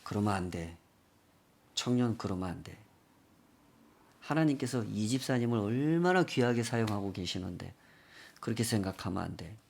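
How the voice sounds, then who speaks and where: A man voicing a calm older pastor who gently admonishes a young man. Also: lowish voice, normal speed, gravelly, long pauses. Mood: admonishing. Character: calm older male pastor counseling a youth.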